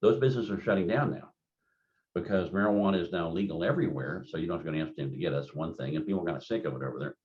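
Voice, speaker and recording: Deep-voiced older man lecturing. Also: very fast. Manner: rambling, anecdotal, conversational with many fillers. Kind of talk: continuing-education lecture. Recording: dull lo-fi lecture recording.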